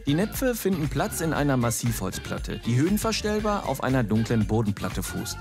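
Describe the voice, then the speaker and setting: A man reading scripted TV voice-over narration in a smooth, explanatory way. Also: mid-range voice, very animated, normal speed, over music.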